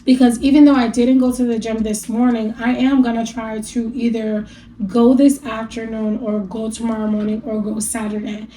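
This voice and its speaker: A woman's voice: fairly high pitch, flat delivery, normal speed, mellow, rough recording. A young adult woman vlogging candidly about her weight loss, chatty and encouraging, laughing now and then and sounding a little stuffy from allergies. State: allergies, a bit stuffy after a rough night. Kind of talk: casual talk to camera.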